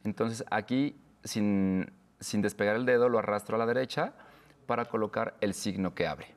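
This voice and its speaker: A man's voice: lowish voice, long reverb tail. A man, giving a patient step-by-step tutorial as an instructor. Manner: patient, explains slowly with pauses.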